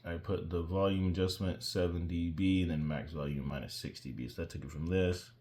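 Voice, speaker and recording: Deep-voiced man rambling through his mix. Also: fairly even intonation, brisk, darkish tone. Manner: rambling, self-deprecating, digresses. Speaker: musician walking through his own mix. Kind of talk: casual screen-share tutorial.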